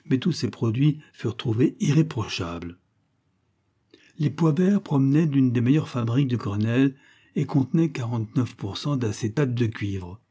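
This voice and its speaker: Mellow, husky male storyteller. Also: medium pitch, animated. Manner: measured, theatrical reading. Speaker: narrator. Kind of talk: audiobook narration of a short story.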